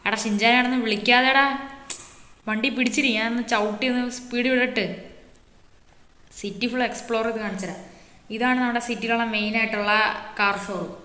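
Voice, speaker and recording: A woman's voice: on the high side, steady tone, fairly quick, pauses often, sharp tone. A woman voicing an easygoing adult man, showing off his city in a game role-play with a boastful, teasing big-brother tone. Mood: casual. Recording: echoey roomy reverb.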